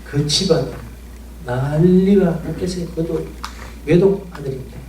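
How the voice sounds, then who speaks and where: A man's voice: on the high side, normal speed, a little mellow, slight background noise. A male pastor preaching a sermon, telling an emotional story full of pleading rhetorical questions. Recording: roomy church sound, mic at a distance, faint ambience.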